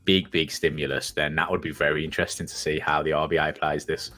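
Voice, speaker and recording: A man co-hosting a trading show, thinking aloud in a measured way with many fillers. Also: extremely low pitch, little pitch movement, bright, forceful tone, faint music behind. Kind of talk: casual market chat.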